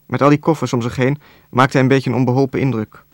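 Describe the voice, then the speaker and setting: A man reading a novel aloud as narrator, in a calm, even storytelling voice with a dry wit. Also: mid-range voice, fast, no echo. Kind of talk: scripted audiobook narration.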